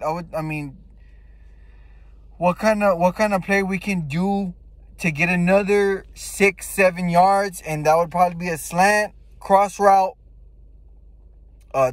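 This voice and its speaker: High-pitched man giving blunt sports fan commentary. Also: no echo. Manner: blunt, emphatic, peppered with profanity and slang. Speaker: football fan giving game reaction.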